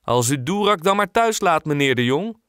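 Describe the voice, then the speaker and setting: A man's voice: a little high, animated, moderate pace, no echo, studio quality, voice pushed up. A man doing a hearty, cheerful house painter. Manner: hearty, calls out loudly. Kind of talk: audiobook character voice.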